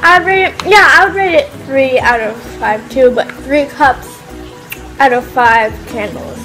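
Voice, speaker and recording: A woman's voice: high voice, measured pace, bright, forceful tone, soft background music, low-quality recording. A woman in a casual food-tasting chat, chewing while talking, playful and giggly with goofy jokes. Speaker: vlog co-host.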